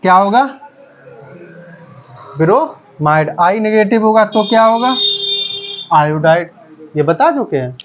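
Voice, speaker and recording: Brief: male chemistry teacher, high voice, call-and-response drilling, dull lo-fi sound. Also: expressive, takes it slowly, pauses often. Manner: repeats each term back as a quiz question. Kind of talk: classroom lecture with call-and-response questions.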